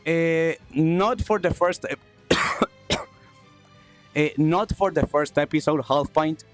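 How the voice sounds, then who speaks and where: Speaking slowly in a fairly high voice, a man from South America runs a livestream with faint music behind him. He's upbeat, warmly thanking viewers and repeating phrases, though chest congestion keeps making him cough.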